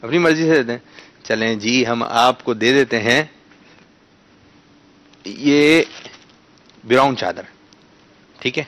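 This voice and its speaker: Hosting a quiz for kids, this man gently urges them to say words properly, then erupts in loud announcements once they get them right. He speaks at a medium pitch and leaves long pauses.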